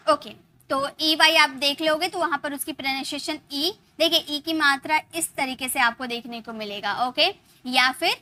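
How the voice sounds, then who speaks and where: A woman's voice: sits high, sharp tone. A woman teaching English pronunciation step by step, spelling letters aloud and checking in with "okay". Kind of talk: casual teaching lesson.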